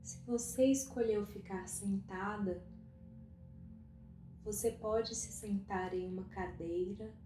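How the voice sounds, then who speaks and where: A woman guiding a meditation at a very slow, unhurried pace, her voice mellow and warm. She speaks softly and calmly, leaving long pauses between phrases. The recording has a roomy echo, with faint soft music underneath. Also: medium pitch. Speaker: meditation guide. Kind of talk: guided meditation.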